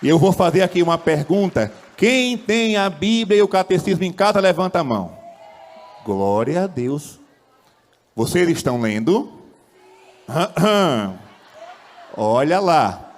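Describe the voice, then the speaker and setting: Impassioned priest in a reverberant church. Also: male voice, very animated, measured pace, pauses often, a faint crowd, a little hiss or hum. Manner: impassioned preaching with wide swings in pitch and loudness, rhetorical questions; leads the congregation in call-and-response. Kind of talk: sermon.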